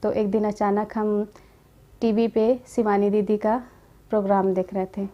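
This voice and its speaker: A young woman giving a gentle personal testimony about her spiritual path, quoting conversations in her own voice. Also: medium pitch, level tone, measured pace, lo-fi sound. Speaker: spiritual community member sharing her experience.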